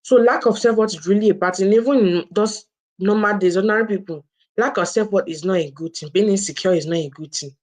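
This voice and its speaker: A woman co-hosts a book review, explaining things informally and often restating and restarting her phrases. Her mid-range voice has a darkish tone, and she speaks at a quick pace.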